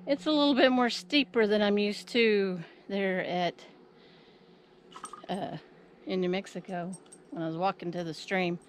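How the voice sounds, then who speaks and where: A woman's voice: medium pitch, fairly even intonation, a little slow, pauses often. A middle-aged woman talking casually to her camera as she hikes, somewhat out of breath, musing aloud in short phrases. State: out of breath from climbing. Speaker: vlogger. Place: outdoors on a wooded hillside trail. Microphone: handheld camera at arm's length. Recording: outdoor trail sound with clear background noise.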